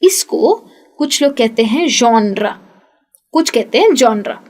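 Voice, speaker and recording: A young woman teaching English pronunciation, patiently repeating each sound slowly for practice. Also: high voice, animated, darkish tone. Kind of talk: spoken English lesson.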